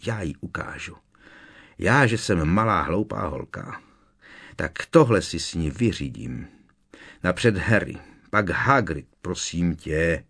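A man's voice: deep voice, expressive, gravelly, fairly bright tone, husky, exaggerated voice. A man voicing a fiery, indignant teenage schoolgirl who talks in an agitated, raised voice. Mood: furious.

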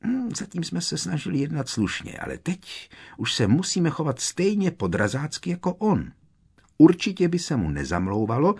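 A man's voice: mid-range voice, darkish tone, husky, pitched above the performer's own voice, full character voice. A man reading aloud, voicing a worried teenage boy wizard who speaks urgently and with emphasis.

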